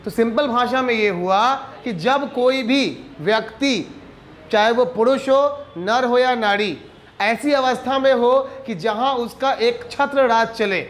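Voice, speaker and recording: A man's voice: extremely high pitch, slow pace, fairly bright tone. A man with an Indian accent giving a classroom civics lecture. He mixes Hindi and English, asks himself rhetorical questions and checks in with the class. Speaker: civics teacher.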